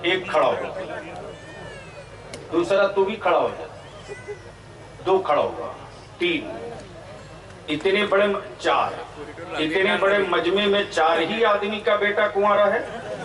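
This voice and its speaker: A man's voice: sits high, lively intonation, takes it slowly, pauses often. Preacher man roaring through echoing PA. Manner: rousing, questions the crowd, shouts at peaks. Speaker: Islamic preacher. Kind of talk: fiery sermon to an outdoor crowd. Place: outdoor public gathering. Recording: echoey distant PA sound.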